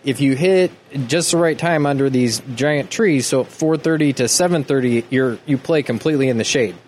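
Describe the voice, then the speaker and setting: A man chatting casually as a guest, explaining things in a halting, self-correcting way. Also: medium pitch, darkish tone. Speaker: guest, tattoo artist and sports club organiser. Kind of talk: casual chat. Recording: noisy room with clear background ambience.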